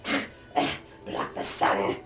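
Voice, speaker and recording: A man voicing a menacing old hag in a halting, cackling chant with a whispery rasp. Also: lightly acted. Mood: eerie menace. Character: menacing old hag casting illusions, female. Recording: roomy, distant mic, music behind.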